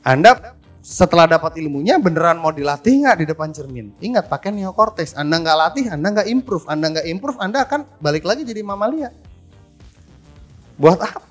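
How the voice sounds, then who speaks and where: A man leads a live seminar. He coaches the room with quick questions and jokes. Faint music sits behind him. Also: a little high, expressive. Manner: coaching, quizzing the audience, joking. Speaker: persuasion trainer.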